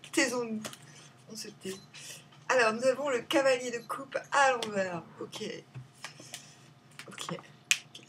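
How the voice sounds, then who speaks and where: A woman doing a casual tarot reading at home, rambling and playful, jumping between loud remarks and muttered asides. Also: a little high, recorded from a distance, noisy background. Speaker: tarot reader.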